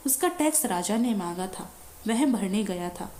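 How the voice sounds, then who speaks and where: A woman's voice: medium pitch, expressive, a little slow, darkish tone, echoey room, close to an everyday voice. A woman voicing a husband in a devotional story, explaining plainly where he went. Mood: matter-of-fact. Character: adult husband explaining himself, male.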